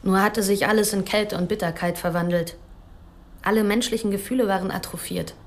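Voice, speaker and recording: In a radio play, an actress with a mid-range, steady voice plays a cool, candid young heiress. She speaks briskly and is lightly acted, sounding composed, blunt and matter-of-fact.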